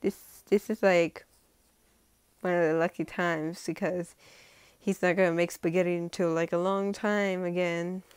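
This vlogger speaks at a measured pace in a fairly low, clear, resonant voice with a flat delivery. She's in her bedroom at home with the hiccups, giving a rambling, chatty update packed with fillers.

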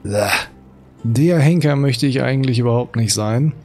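Mid-pitched man commenting on gameplay. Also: normal speed, mellow, soft background music. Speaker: let's player.

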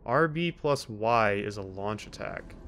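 With a lowish, somewhat bright and expressive voice, a man talks a little slowly while hosting a let's play, making dry jokes about the characters and reading the game's text out loud. Game audio can be faintly heard behind him.

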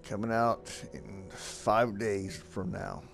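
A man's voice: lowish voice, wildly swooping pitch, slow pace, gravelly, soft background music. A man giving casual gameplay commentary as a channel host.

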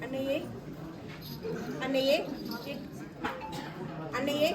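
A woman's voice: high voice, level tone, very slow, heavy background noise. A tearful girl pulled from school. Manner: tearful pleading. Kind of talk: Tamil street theatre acting. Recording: distant outdoor stage recording with crowd. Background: crowd.

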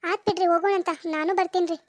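A woman voicing a gentle young village wife in a cartoon, with a North Karnataka accent and a soothing, reassuring manner. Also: extremely high pitch, steady tone, fast talker, dry recording. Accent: North Karnataka Kannada.

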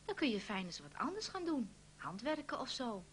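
A woman voicing a good-natured, unflappable husband who teases and coaxes in a brighter voice, reading a children's story. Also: big pitch swings, moderate pace, slight background noise. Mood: cheerful. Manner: upbeat and coaxing, a bit louder and higher.

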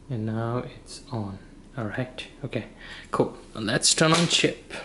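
A man giving a casual hands-on product demonstration, halting and informal as he thinks aloud. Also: mid-range voice. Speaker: product reviewer. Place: indoor room with wooden floor.

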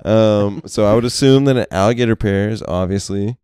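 A man's voice: fairly low pitch, a little fast, darkish tone, smooth, no echo, clean studio sound. A young man co-hosting a podcast, swearing and laughing through crude casual banter. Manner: profane, laughing, riffing. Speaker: podcast co-host.

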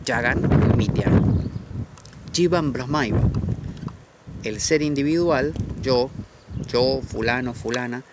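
A man giving a thoughtful, reflective spoken talk, pausing often and restarting his sentences. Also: medium pitch, very noisy. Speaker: host. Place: outdoors at a monastery retreat.

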